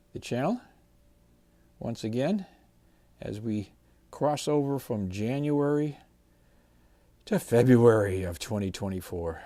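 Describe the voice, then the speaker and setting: A man hosting a guitar channel, chatting in a relaxed, folksy way while unboxing a new guitar. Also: mid-range voice, gravelly, no room sound. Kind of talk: casual unboxing vlog.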